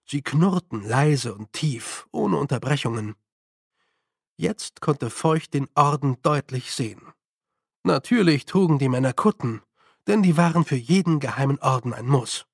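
A man's voice: medium pitch, animated, creaky, dry recording, clean studio sound. German man narrating an audiobook wryly. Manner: measured, wry storytelling.

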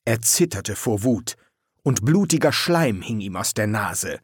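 A man reading an audiobook with expressive, measured narration. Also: on the low side, slightly rough, dry recording, studio quality. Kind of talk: scripted narration.

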